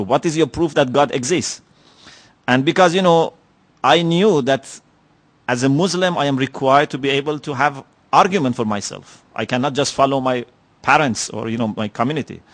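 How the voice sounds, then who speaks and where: A man with a fairly high-pitched voice reflects aloud during a religious lecture in a lecture hall. His first language is Persian, and he speaks in a measured way, with frequent pauses and "you know" fillers.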